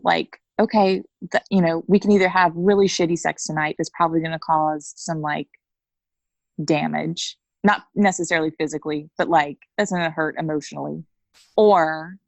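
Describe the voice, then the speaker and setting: This is a coaching client in her thirties, a guest in a candid, conversational interview, speaking frankly in a low, gravelly voice and playing out little pieces of dialogue. No room sound is audible.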